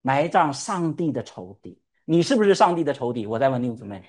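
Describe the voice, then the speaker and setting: A man's voice: medium pitch, sing-song, fairly quick, a little mellow. A male pastor preaching a sermon. He fires rhetorical questions at the congregation and calls for amens. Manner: calls for "amen" responses.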